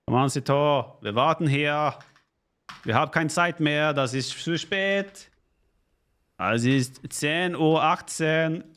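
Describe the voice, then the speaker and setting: A man streaming a strategy game, chatting casually with viewers in halting, self-correcting speech and thanking subscribers. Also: fairly high pitch, a bit bright, smooth. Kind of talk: casual live-stream gaming chat.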